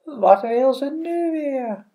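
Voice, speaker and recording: A woman's voice: high-pitched, expressive, slow, phone-quality sound, voice pushed up. Woman voicing a curt magic fish, storybook, raised voice, short replies.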